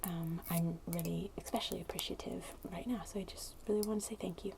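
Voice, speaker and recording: A woman makes a casual, hesitant ASMR video, talking to viewers in a hushed, breathy near-whisper at a wooden table indoors. Her voice is on the low side and steady, moving at a quick pace, while clicky tapping and scratching of fingernails on a glass bottle plays over the close mic.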